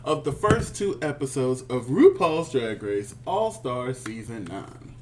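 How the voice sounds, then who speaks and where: A man in his thirties co-hosting a casual review chat, sassy and animated, calling people "honey.". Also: medium pitch, a little slow, noisy background. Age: 30s. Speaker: podcast co-host.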